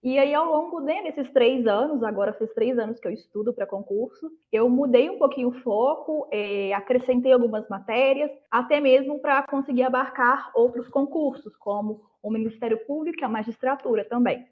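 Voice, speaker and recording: This interview guest is a lawyer in her thirties from Belo Horizonte, Brazil, who passed a prosecutor exam and has a Minas Gerais accent. Her fairly high voice moves at normal speed with hardly any pauses, and the sound is phone quality. She answers the questions in an explanatory, conversational way.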